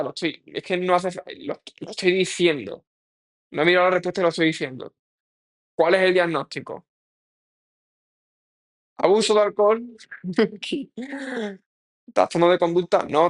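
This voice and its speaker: A young man walks through practice exam questions, reasoning out loud in a slightly high voice. He is candid and informal, scolding himself for mistakes and letting casual curses slip. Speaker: medical student reviewing a practice exam.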